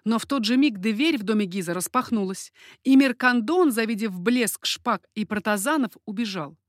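A woman's voice: fairly high pitch, normal speed, no echo. Woman narrating an audiobook, dry sound. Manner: expressive, steady storytelling.

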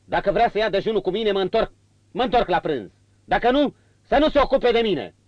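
Man voicing an enraged jealous marquis, barking orders, high strained shouts, dry dull sound. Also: sing-song, no echo. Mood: curt. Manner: shouting harshly. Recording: dull lo-fi audio.

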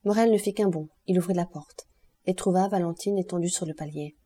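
A woman narrating a classic novel as an audiobook, reading at a measured, steady pace. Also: lowish voice, slightly rough.

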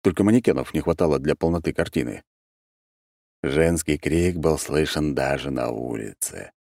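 A man narrating a first-person fantasy audiobook in an expressive reading style. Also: a bass voice, no room sound, clean studio sound.

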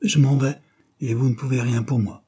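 A man voicing an anxious, gravely worried father in an audiobook, evasive and anguished. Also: mid-range voice, steady tone, moderate pace, dark tone, pitched above the performer's own voice, close to an everyday voice.

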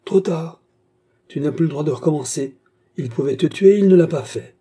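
A man's voice: mid-range voice, a little fast, dark tone, breathy edge, lightly acted. A man doing an earnest young count. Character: noble young male count, earnest and upright.

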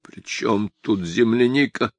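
A man's voice: fairly low pitch, slow, dry recording. A man voicing a panicked middle-aged male writer in an audiobook, frantic and pleading. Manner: frantic, pleading, rising to shouts. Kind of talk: audiobook character voice.

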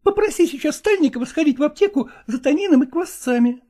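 Tearful, clingy young actress voiced by a male narrator in an audiobook, high falsetto-like pitch and dark, mellow tone. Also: lively intonation, fast talker. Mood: coaxing. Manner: high, pleading and reproachful, tearful. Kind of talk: audiobook character reading.

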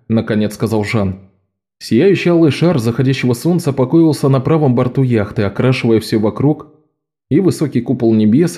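A man narrating a novel as an audiobook, in a measured, even storytelling manner. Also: mid-range voice.

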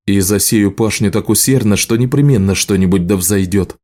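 A calm, firm husband in a storybook, voiced by a man narrating. He speaks in a steady mid-range voice. The tone is dark and mellow. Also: lowish voice, normal speed, close to an everyday voice.

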